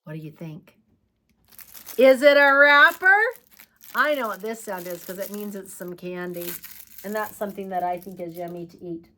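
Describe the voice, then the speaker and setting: A woman teaching preschoolers, talking slowly in a coaxing, sing-song way as she asks questions and praises answers. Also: on the low side, sharp tone. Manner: slow, sing-song, coaxing talk to small children. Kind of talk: children's lesson.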